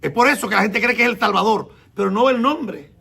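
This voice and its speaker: A messianic rabbi teaches a sermon, explaining slowly, repeating words and asking the congregation questions. His voice sits high and is animated and bright, with vocal fry, a forceful tone and a breathy edge.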